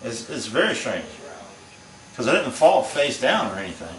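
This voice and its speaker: A man on a paranormal investigation, telling his partner in a halting, relaxed way what happened to him. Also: mid-range voice. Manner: halting, relaxed storytelling with restarts. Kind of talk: casual chat. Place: old house, indoors. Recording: echoey room, distant mic, faint noise.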